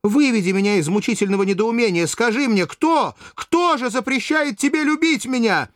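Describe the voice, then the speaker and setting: A passionate young Roman noblewoman, anxious and insistent, acted by a man reading a story. Her voice sits high above his own and presses each question with urgency. The sound is close and dry. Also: expressive, moderate pace, no echo. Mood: frantic.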